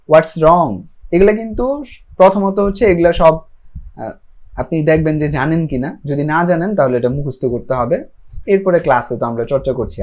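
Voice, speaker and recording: Lively-voiced man teaching phrases patiently. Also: fairly high pitch. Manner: explains patiently, repeating phrases with meanings. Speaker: teacher sharing English learning. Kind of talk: casual spoken lesson. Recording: dull lo-fi recording.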